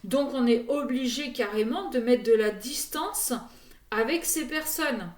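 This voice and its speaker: A woman reads oracle cards for her viewers, unhurried and hesitant, pausing on her fillers as she goes. Her voice sits a little high, and the room gives it a noticeable echo. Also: a little mellow. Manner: hesitant, full of "euh" fillers and restarts. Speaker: oracle card reader. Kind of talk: casual card reading addressed to viewers.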